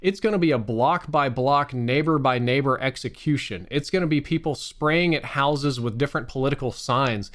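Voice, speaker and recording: A man's voice: mid-range voice, moderate pace, few pauses, a bit bright. An American man giving a candid, exasperated rant to his viewers, swearing freely and stressing words by drawing them out. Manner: profane, exasperated. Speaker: online streamer.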